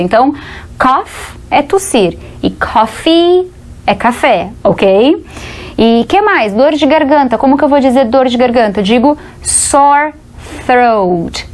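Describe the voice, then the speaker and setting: A Brazilian woman teaching an English lesson on TV, slowing down to model English words carefully. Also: on the high side, a little mellow. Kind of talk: TV English lesson for Portuguese speakers.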